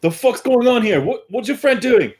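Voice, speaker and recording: A man's voice: very high-pitched, lively intonation, normal speed, darkish tone, breathy edge, pitched above the performer's own voice, full character voice. A man voicing a bewildered bystander who fires off rattled questions.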